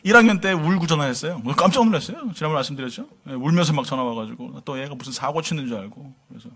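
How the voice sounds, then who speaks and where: A man's voice: a little high, expressive, racing, fairly bright tone, breathy edge. A middle-aged male pastor preaching a sermon in a conversational, humorous way, full of rhetorical questions to the congregation. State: tired from lack of sleep.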